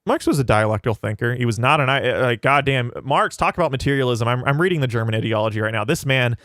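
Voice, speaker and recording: A man hosting a casual livestream, with a smooth, clean voice at an ordinary pitch for a man. He reads viewers' questions and ponders them aloud. The recording is dry, with no room echo. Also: lively intonation, fast talker, a bit bright. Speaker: channel host reading live chat.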